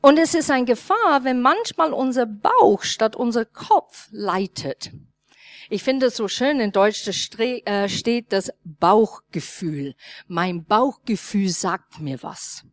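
A woman in her 30s or older, with a slightly high voice, preaches a sermon at a slow pace and tells a personal story, acting out its dialogue with lively energy. She makes small non-native grammar slips, and there is no room sound.

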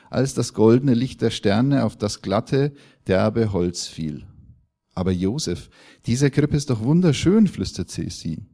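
A male pastor calmly reading a story aloud in a sermon, in a measured way. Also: fairly low pitch.

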